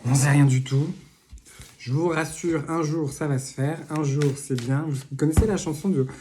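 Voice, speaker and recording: A man's voice: a little high, normal speed. Man doing a card reading, rambling, joking, lots of fillers, noisy home recording with clicks. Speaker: card reader giving a reading. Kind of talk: casual spoken tarot reading.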